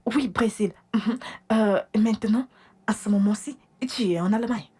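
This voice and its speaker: Scheming wife, female, husky, flustered and hushing; a woman dubs her for a film. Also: medium pitch, normal speed, natural voice. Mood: hushed urgent. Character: boastful scheming wife covering a lie. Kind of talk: French film dub.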